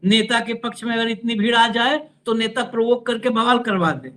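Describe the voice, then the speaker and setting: A man's voice: very high voice, steady tone, normal speed, pushed and bright. A man hosting a political talk show, sarcastic, with mocking asides.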